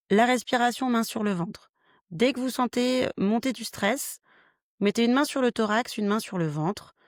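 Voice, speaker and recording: A woman's voice: mid-range voice, dry recording, clean studio sound. A woman hosting a health podcast, explaining practical stress techniques in a frank, step-by-step way. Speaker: podcast host, health worker. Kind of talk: solo podcast talk, lightly scripted.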